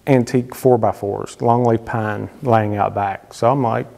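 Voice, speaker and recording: A man in his thirties, host of a woodworking channel, gives unhurried, conversational advice to camera indoors in his wood-paneled home workshop. His lowish, darkish voice is steady with vocal fry; he gestures a lot and uses many fillers, and the room gives a long reverb.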